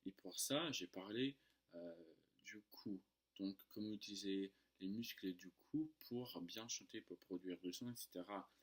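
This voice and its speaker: Low-voiced American man speaking non-native French. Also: measured pace, husky. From United States. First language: English. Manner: non-native French with hesitations and small grammar slips. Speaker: French tutor and online video creator. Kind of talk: casual storytelling to camera.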